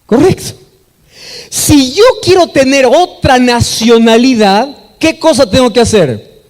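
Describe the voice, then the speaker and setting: A man's voice: very high-pitched, a little mellow. A Peruvian man preaching a sermon with emphasis, asking the congregation questions and answering them himself. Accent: Peruvian Spanish. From Peru. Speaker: pastor. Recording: echoey hall with long reverb.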